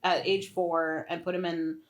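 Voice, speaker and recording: Woman, low-pitched, casual book club chat, animated retelling. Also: unhurried. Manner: animated, slangy retelling with quoted asides.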